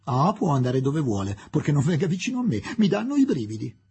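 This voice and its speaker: A man voicing a cold, disdainful English lady, speaking scornfully in a husky voice. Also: on the high side, very animated, fairly quick, a little mellow, pitched above the performer's own voice, full character voice.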